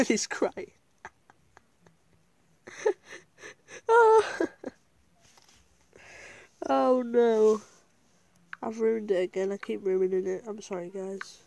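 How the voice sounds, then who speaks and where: A woman's voice: mid-range voice, fairly even intonation, slow, creaky, pauses often, warm tone, no room sound. A woman chatting casually to viewers while she plays a game, giggling often and talking herself through each step. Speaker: gaming video creator. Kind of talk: casual gameplay commentary.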